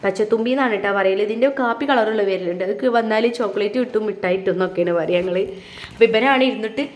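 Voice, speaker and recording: Woman; home vlogger, casual step-by-step craft chat, mid-pitched everyday voice. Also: rapid-fire. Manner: chatty, explains step by step to viewers. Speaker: family vlogger.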